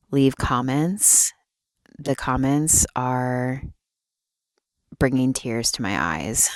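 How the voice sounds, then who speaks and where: Quiet, hushed low-voiced young woman vlogging. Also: clear, resonant tone, dry recording. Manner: quiet, hushed night-time talk so as not to wake a sleeper. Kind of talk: personal vlog talk to camera. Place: closet, small indoor space.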